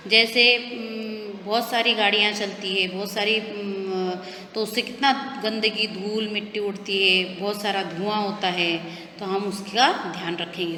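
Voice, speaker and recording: A woman teacher with a bright, forceful voice explains a lesson to small children. She keeps rephrasing each hard word in plainer terms and checks that they follow. The sound is roomy, with a long reverb tail. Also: medium pitch, slight background noise. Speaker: primary school teacher.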